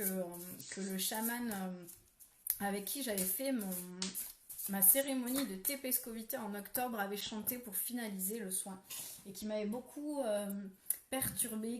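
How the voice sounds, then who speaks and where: A woman hosting a live spiritual ritual, guiding softly and then chatting while reading viewers' comments, with many fillers. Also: mid-range voice, slight background noise. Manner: soft, gentle guidance with many fillers. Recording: roomy echo.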